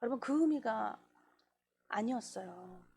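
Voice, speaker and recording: Woman pastor, sermon delivery, lively rising and falling pitch, slightly high voice. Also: unhurried, creaky, slightly rough. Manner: animated preaching, acts out quoted voices. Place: church.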